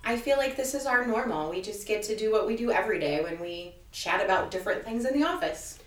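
A woman's voice: mid-range voice, animated, fast talker. A woman co-hosting a podcast, chatting casually and laughing easily while explaining programs. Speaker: podcast co-host and program facilitator. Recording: echoey room, mic at a distance.

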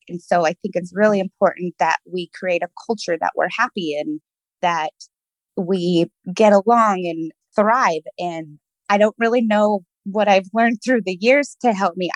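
A woman's voice: fairly low pitch, dry recording, poor audio. A woman guest chatting casually, cheerful and positive, laughing often as she talks. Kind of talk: casual interview chat.

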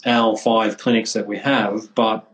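A man's voice: lowish voice, little pitch movement, measured pace, fairly bright tone, poor audio. A man hosting a casual podcast, friendly and rambling, often restarting his sentences. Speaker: podcast host, clinic representative.

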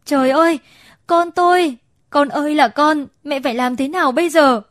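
A woman voicing a caring middle-aged stepmother in a storybook narration, who turns shrill and tearful when frightened. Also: steady tone, normal speed, a little mellow, no room sound, studio quality, close to an everyday voice. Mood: panicked wailing.

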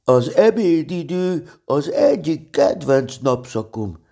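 A man reading a storybook, voicing an eager, impatient little male teddy bear who chatters excited questions. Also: fairly high pitch, vocal fry, pitched above the performer's own voice, full character voice.

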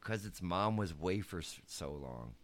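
A man co-hosting a relaxed podcast, reading jokes and quotes aloud. His voice sits low but moves a lot in pitch as he talks. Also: moderate pace. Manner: reads out mom jokes and quotes. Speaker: podcast co-host. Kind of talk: casual podcast joke-telling.

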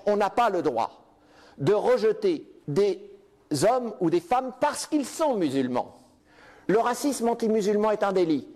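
A man's voice: high voice, a little mellow. A man giving a public speech as a philosopher making an argument.

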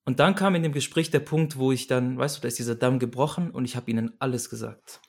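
A man's voice: mid-range voice, fast talker, vocal fry, a little mellow. Earnest young man telling a personal story. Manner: earnest, searching, frequent restarts and repetitions. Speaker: guest.

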